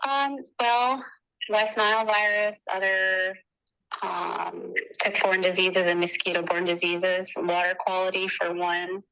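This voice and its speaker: A woman comes through a phone set on speaker, caught from across the room, her fairly low voice still bright and forward. She answers interview questions for a town health board earnestly and plainly, with frequent ums between her points. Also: little pitch movement, slow, vocal fry, clear, resonant tone, low-quality recording. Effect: heard over a phone on speaker.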